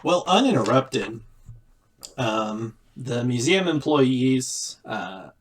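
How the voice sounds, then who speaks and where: A man's voice: medium pitch, slightly rough. A man narrating as game master in a loose, casual way, with many fillers.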